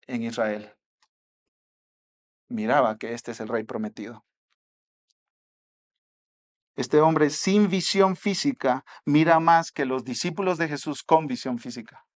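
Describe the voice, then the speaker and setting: Emphatic Mexican pastor preaching. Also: male voice, fairly high pitch, expressive, a little slow. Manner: emphatic, swinging between soft asides and loud exhortation. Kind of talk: sermon.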